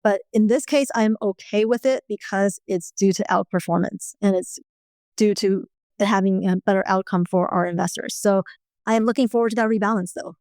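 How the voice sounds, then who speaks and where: A woman's voice: medium pitch, normal speed, darkish tone, no echo, studio quality. A woman in her forties who grew up in China and the US, a podcast guest giving fluent, explanatory interview answers. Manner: fluent, explanatory, occasional laughs. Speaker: guest, index fund founder.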